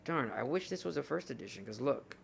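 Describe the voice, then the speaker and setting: A man's voice: medium pitch, animated, brisk, vocal fry, a little hiss or hum. A young man streaming live, chatting casually and rambling to his viewers while he looks through his cards. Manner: rambling, chatty, talks to chat while browsing.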